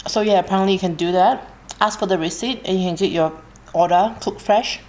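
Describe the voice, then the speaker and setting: An Australian woman chatting casually while she eats, relaxed and unhurried, pausing between bites with soft hums. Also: medium pitch. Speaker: mukbang vlogger. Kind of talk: casual chat while eating.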